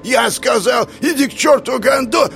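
A man voicing a big, brash male bandit leader who shouts and curses in panic. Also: very high-pitched, normal speed, gravelly, soft background music, pitched above the performer's own voice, exaggerated voice. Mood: furious. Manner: shouting, cursing.

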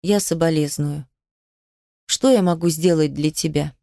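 A woman voicing a middle-aged female ballet company director who speaks in a measured, quietly pressing way. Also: low voice, creaky, dry recording, studio quality, pitched below the performer's own voice. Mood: soothing.

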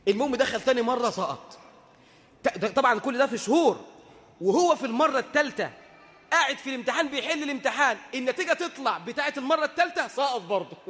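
A man's voice: very high voice, a bit bright, big-room sound. A man with an Egyptian Arabic accent preaching a sermon, telling a story with humor and asking the audience rhetorical questions.

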